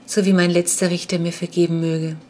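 A woman's voice: fairly low pitch, little pitch movement, a little fast, a little mellow, close to an everyday voice. A woman reading a father in a storybook as he reads aloud an old, formal confession. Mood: solemn. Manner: solemn, formal.

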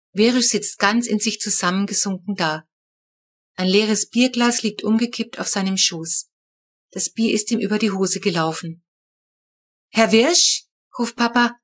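A woman narrating a children's audiobook in the first person, with a lively, wry telling. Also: medium pitch, moderate pace, slightly rough.

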